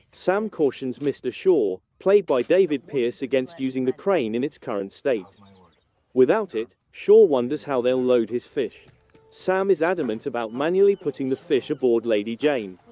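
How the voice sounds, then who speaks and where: Man, scripted recap narration, steady even delivery, mellow dark tone, faint background music. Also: medium pitch. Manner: steady, even read-through of plot events.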